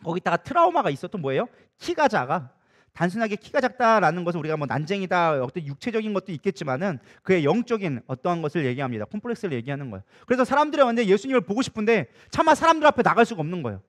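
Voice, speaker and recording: A man pastor preaching a sermon in a lively, conversational way, acting out the voices of the people in his story. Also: high-pitched, rapid-fire. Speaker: co-senior pastor.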